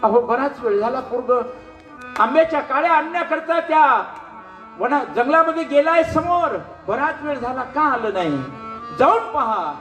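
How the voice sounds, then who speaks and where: A man's voice: extremely high pitch, lively intonation, moderate pace, a bit bright, soft background music, pitched above the performer's own voice. A man voicing a worried, grieving father who urges his wife. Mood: anxious. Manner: urgent, anxious. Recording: roomy hall with faint instruments.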